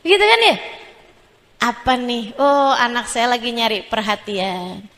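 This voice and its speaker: A woman preacher with a high, bright voice gives a lively sermon, acting out her listeners' questions and answering them herself. Her voice rings with a long reverb, as if in a large hall. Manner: drops to slow hushed tones in prayer. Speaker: Islamic preacher.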